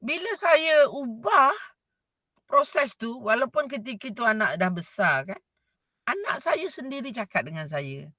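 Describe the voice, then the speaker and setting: Woman, Malaysian Malay accent, middle-aged, vocal coach, slow unhurried delivery, expressive, dry close sound. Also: on the high side, no echo. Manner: expressive, acts out scolding voices. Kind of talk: voice class talk.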